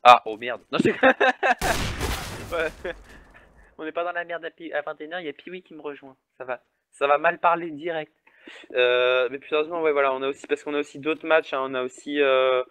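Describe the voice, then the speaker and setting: Chatting alone before a match, a male esports caster jokes at his own expense and answers viewers' questions in a chatty way. His voice is fairly high, a bit bright, clear and resonant, at a moderate pace, recorded dry.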